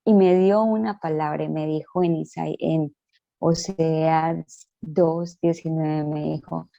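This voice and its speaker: A woman tells her story in an earnest testimony, voicing her prayers as she goes. Her voice is dark and mellow and sits fairly low. The sound is dry and a little dull. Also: fairly even intonation, slow pace, vocal fry, dry recording. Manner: earnest, reenacts her prayers in quoted speech. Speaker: guest. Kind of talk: personal testimony in a prayer talk.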